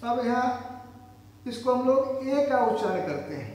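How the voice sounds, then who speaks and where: A man teaching English grammar, explaining slowly and deliberately, repeating words for emphasis. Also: extremely high pitch, expressive, a little mellow. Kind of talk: grammar lesson explained in Hindi. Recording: echoey room with long reverb, faint noise.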